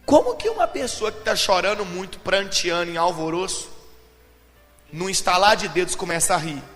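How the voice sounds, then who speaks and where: High-voiced preacher in a reverberant hall. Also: male voice, expressive, moderate pace. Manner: dramatic, swings from shouting to low intense tones. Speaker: pastor. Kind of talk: sermon. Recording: long hall reverb with faint music.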